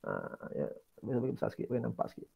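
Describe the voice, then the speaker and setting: Indoors during an online exam-prep lesson, a Malaysian religious studies teacher encourages students and keeps repeating important words. He speaks fast in a medium-pitched, sing-song voice that is mellow, slightly rough and touched with vocal fry.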